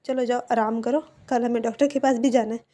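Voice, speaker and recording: A woman voicing a calm, gentle older mother in a storybook retelling, speaking softly. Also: on the high side, a little fast, close to an everyday voice.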